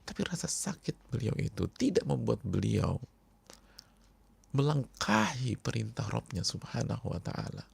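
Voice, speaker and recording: A man preaching a sermon to a congregation, speaking emphatically and repeating key words, often dropping to hushed tones. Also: mid-range voice, very animated, normal speed, gravelly, slightly rough. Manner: addresses the congregation directly. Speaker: Islamic preacher.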